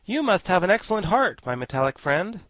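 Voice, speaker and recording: A man doing a pompous high-voiced bug scholar. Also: sing-song, a little fast, a bit bright, no room sound, studio quality. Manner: grandiloquent, formal, self-satisfied. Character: pompous learned giant male insect gentleman. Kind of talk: audiobook character voice.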